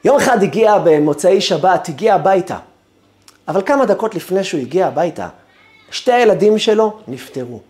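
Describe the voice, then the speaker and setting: A man giving a rabbi's lecture, emphatic and expressive, with rhetorical questions and storytelling. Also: high-pitched.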